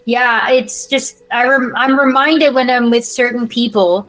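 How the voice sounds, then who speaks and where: A woman's voice: fairly high pitch, steady tone, measured pace, a bit bright, low-quality recording. A woman hosting a casual spiritual podcast chat, gushing and effusive, with many "like" and "you know" fillers. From not Ireland. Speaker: podcast host.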